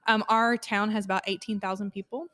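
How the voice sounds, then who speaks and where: A woman's voice: mid-range voice, steady tone, a little fast, fairly bright tone. Woman guest on a podcast, chatty and friendly, easy laughs. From Arkansas. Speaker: guest, instructional design coordinator. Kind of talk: conversational interview answers. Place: conference hotel.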